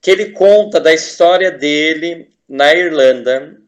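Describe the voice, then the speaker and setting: A Brazilian man talks as a guest on a casual interview podcast, with a voice pitched a little high. He speaks with eager enthusiasm, rambling, restarting words and tossing in tag questions as he goes. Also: measured pace. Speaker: teacher and artist, podcast guest.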